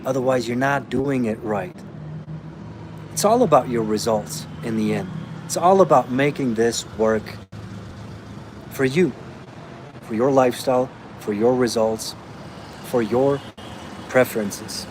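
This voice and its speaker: A man's voice: medium pitch, measured pace, pauses often, background noise. A man from Austria, a fitness coach answering viewer comments in a blunt, emphatic way, calling listeners bro.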